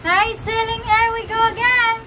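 Out on a sailboat at sea, a woman hosts a casual sailing vlog, narrating at a moderate pace in a very high voice. She's excitable and prone to loud exclamations. Wind buffets the outdoor mic, mixing with the sounds of the boat.

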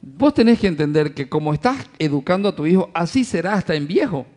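Guy pastor giving a sermon, kinda high voice, keeps saying brothers and asking questions, acts stuff out. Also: lively intonation, a little fast, darkish tone. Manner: preacher who acts out scenes and asks rhetorical questions; addresses the congregation as brothers.

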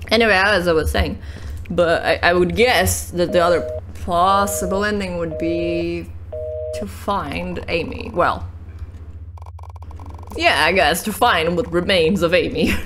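A woman's voice: fairly low pitch, fairly bright tone, slight background noise. A tired, yawning woman giving casual, rambling commentary while she plays a game, swearing casually and laughing often. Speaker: let's play gamer.

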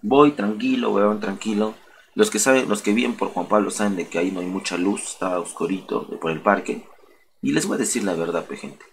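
A young streamer with a Peruvian accent and a lowish male voice spins a story in loose street slang, cursing freely as he goes. A faint hum of noise sits under his voice in his home setup. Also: a little fast. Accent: Peruvian Spanish. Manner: slangy, swearing, colorful street talk.

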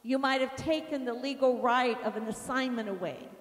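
A woman minister teaching a deliverance class, telling stories in an animated way and acting out quotes. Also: sits high, moderate pace. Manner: animated storytelling, acts out quotes. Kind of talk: teaching sermon with personal stories. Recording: reverberant hall.

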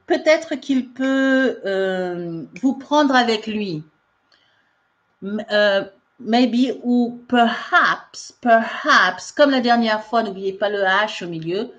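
A woman's voice: a little high, lo-fi sound. A woman teaching English in a live online lesson, laughing often as she reads out viewer comments. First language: French.

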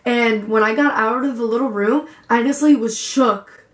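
A woman's voice: on the high side, normal speed, echoey room. A young woman vlogger telling a story in a gushing way and saying "like" a lot. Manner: gushing, lots of "like". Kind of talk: casual vlog storytelling.

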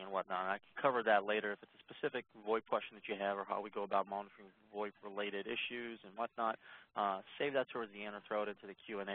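A man walking listeners through a software demo in a webinar, speaking in a monotone with plenty of ums and uhs. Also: lowish voice, no echo. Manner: monotone, self-described; relaxed, many ums and uhs. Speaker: product presenter. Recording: tinny phone-line audio.

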